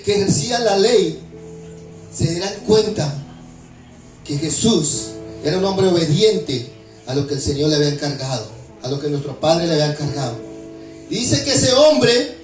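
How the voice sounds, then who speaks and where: A pastor with a Latin American Spanish accent and a high voice delivers a sermon in a church hall, preaching and throwing call-and-response questions to the congregation. The hall is echoey, the mic distant, and music plays in the background.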